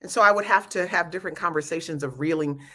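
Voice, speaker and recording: Bright-voiced woman speaking with a retainer in. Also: deep voice, fast talker. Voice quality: slightly slurred speech from wearing a retainer. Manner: emphatic, candid, conversational. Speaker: youth peer group leader and speaker. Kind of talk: informal talk to an audience about a program.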